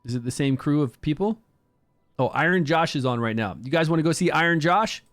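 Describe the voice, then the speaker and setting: A man hosting a casual game livestream in a slightly higher voice, chatty and upbeat as he talks his viewers through his progress. He greets people in chat by name and keeps an easygoing, promotional tone. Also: fairly quick, a bit bright.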